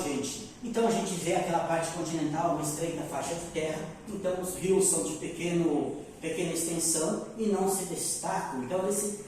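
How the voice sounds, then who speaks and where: A Brazilian man with a high, slightly mellow voice teaches a recorded geography lesson, explaining things step by step and checking in with his students. The room is echoey, the mic sits far away, and there's slight background noise.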